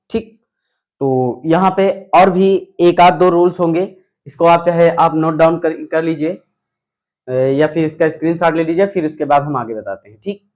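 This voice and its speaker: A man's voice: on the high side, a little mellow. A young male English teacher, explaining grammar rules at a whiteboard and answering his own rhetorical questions. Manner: repetitive, asks rhetorical questions then answers them.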